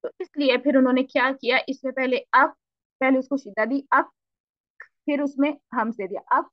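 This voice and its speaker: Woman w pakistani urdu accent teaching recitation, patient, repeats letter sounds slowly, kinda high voice, dull dry audio. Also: fairly even intonation, no room sound. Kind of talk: online lesson explaining tajweed.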